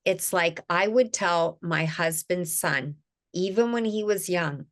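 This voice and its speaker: A woman's voice: lowish voice, takes it slowly, fairly bright tone. A middle-aged woman, an image consultant, speaking as a guest in an enthusiastic, emphatic, storytelling manner. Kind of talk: casual interview chat.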